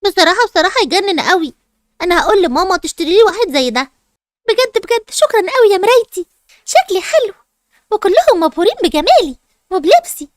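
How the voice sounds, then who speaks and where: Woman doing an eager little girl, super high and fast, egyptian accent, dry sound. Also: no echo. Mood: excited. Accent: Egyptian Arabic. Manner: quick, pleading, excited. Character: young girl Hoor, eager, secretive, pleading.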